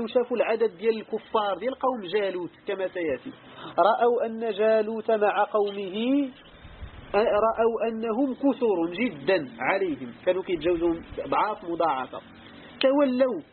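Man, Moroccan accent, religious teacher, brisk lesson, tinny narrow sound, faint hiss. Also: high voice. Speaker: Islamic scholar teaching Quran commentary.

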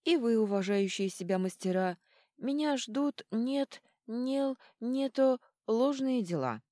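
A woman's voice: medium pitch, sing-song, moderate pace, mellow, no room sound, studio quality, voice pushed up, lightly acted. A woman voicing a polite young prince who is tipsy and trips over his words. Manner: formal, stumbling over words.

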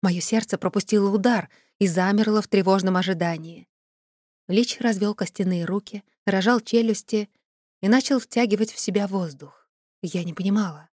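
Woman audiobook narrator, first-person fantasy, expressive, dry close studio sound. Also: medium pitch, normal speed, no room sound.

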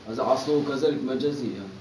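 Male student, fast-talking, heard from across an echoey classroom. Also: medium pitch, mellow, far from the mic, slight background noise. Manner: asks questions from the back of the room. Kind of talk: classroom question.

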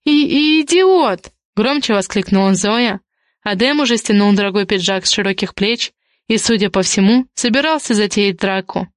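A woman's voice: mid-range voice, moderate pace, no echo. Dry-voiced woman narrating an audiobook.

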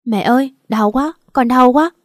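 A woman's voice: high-pitched, moderate pace, dry recording, studio quality, pitched above the performer's own voice, close to an everyday voice. Woman doing a pleading young wife in pain. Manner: tearful begging.

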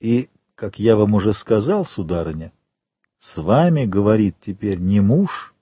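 A man reading an audiobook voices a stern royal prosecutor who speaks calmly and with measured menace. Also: on the low side, husky, dry recording, full character voice. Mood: accusing. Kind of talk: audiobook character voice.

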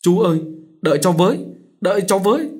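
A man's voice: a little high, sing-song, normal speed, breathy edge, pitched above the performer's own voice. A man voicing a young girl who pleads tearfully. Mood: wailing.

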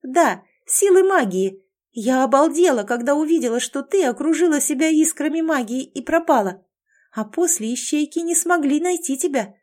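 A woman reading an audiobook, voicing a young witch girl who is suspicious, excitable and insistent. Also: high voice, moderate pace, voice pushed up. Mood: amazed. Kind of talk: audiobook character voice.

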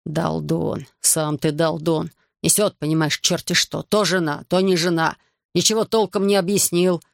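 A man reading a gruff army major. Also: high-pitched, fairly even intonation, normal speed, fairly bright tone, dry recording, clean studio sound. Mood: grumbling. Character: gruff suspicious middle-aged male army major.

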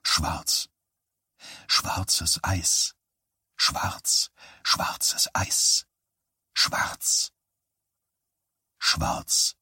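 A man voicing an eager six-year-old boy who calls out high and later murmurs in faint, dazed whispers, in an audiobook. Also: fairly even intonation, very slow, few pauses, bright, forceful tone, slightly rough, no echo, clean studio sound, heavily acted.

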